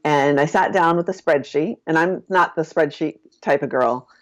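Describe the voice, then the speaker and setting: A woman business coach, a podcast guest, telling a personal story in a casual, lively way with lots of "like" and "I'm like". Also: moderate pace. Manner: lively storyteller who acts out her own past lines with big jumps in pitch. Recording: dull lo-fi podcast audio.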